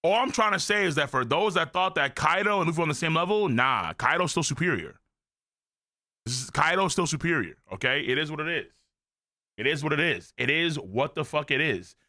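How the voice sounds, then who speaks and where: A man streaming a live manga reaction, excitable and profane, full of slang. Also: fairly high pitch, brisk.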